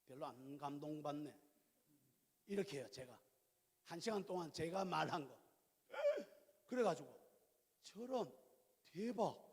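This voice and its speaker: A male pastor in his fifties preaching a sermon, telling stories in a lively, colloquial way with questions to the congregation. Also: a little high, normal speed, pauses often, breathy edge. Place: church sanctuary. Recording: reverberant church hall.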